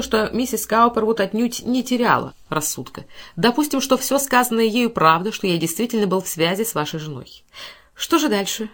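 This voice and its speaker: A woman voicing a cold, calm, menacing male banker who speaks with icy mockery. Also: mid-range voice, close to an everyday voice.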